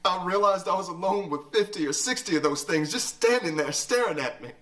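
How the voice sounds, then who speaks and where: Actor as a stammering survivor, mid-pitched, haunted and hesitant. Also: expressive, fairly quick, a bit bright, natural voice. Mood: shaken. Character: shaken survivor recounting driving through the dead.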